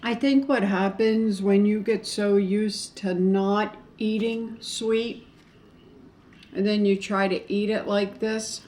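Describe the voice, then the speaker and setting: A middle-aged woman chatting casually to viewers on an eating show, chewing while talking, in a halting way with pauses. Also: medium pitch, steady tone, a little mellow, slight background noise. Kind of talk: casual mukbang chat to viewers.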